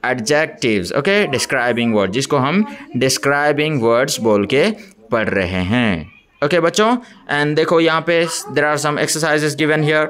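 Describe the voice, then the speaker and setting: Teacher type: man, fairly high voice, slow and patient, drills young kids with repeated questions and "okay?" checks. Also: a bit bright. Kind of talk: bilingual classroom lesson.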